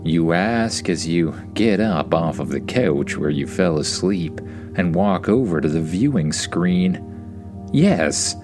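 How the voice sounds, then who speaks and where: A man who hosts a story podcast, introducing and narrating for young listeners. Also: deep voice.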